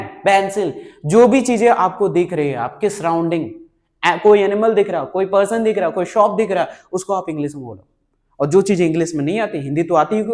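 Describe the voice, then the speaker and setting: A man with a high voice teaches a spoken English lesson. He mixes Hindi with English words and asks questions that he answers himself. He often stops to check that learners follow. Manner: repeats "ठीक है?" and "right?" to check on learners.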